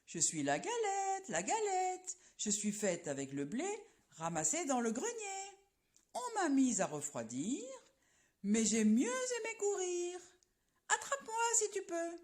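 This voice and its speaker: A woman's voice: very high-pitched, very animated, measured pace, pitched above the performer's own voice, heavily acted. A woman voicing a cheerful, proud little runaway pancake in a children's story, singing her little rhyme. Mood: singsong proud. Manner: singsong, bright and bouncy.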